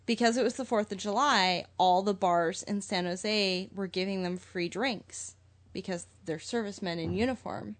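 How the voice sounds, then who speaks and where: A woman's voice: mid-range voice, normal speed. A woman co-hosting a podcast, telling a story in casual chat. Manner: animated storyteller, chatty. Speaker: podcast co-host.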